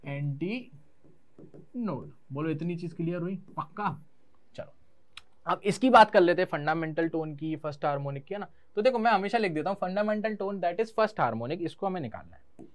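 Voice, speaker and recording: A man's voice: high-pitched, lively intonation, moderate pace. A young Indian man teaching physics in an online class. He mixes Hindi and English terms and answers his own questions in a student's voice.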